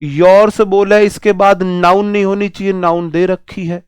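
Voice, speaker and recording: A male teacher lectures on English grammar, stretching out his examples and quizzing his students along the way. His voice sits a little high and he talks at a slow, deliberate pace. The sound is dry and close, with almost no room echo. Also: steady tone, clear, resonant tone. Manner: drawn-out slow examples, rhetorical questions to students. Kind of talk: classroom lecture in Hindi on exam English.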